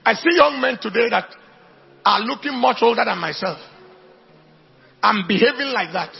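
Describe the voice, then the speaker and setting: This preacher speaks with a Nigerian accent in a very high-pitched, gravelly, slightly rough voice at a moderate pace. His animated sermon mixes anecdotes with emphatic repetition, declaimed to the congregation. The audio sounds dull.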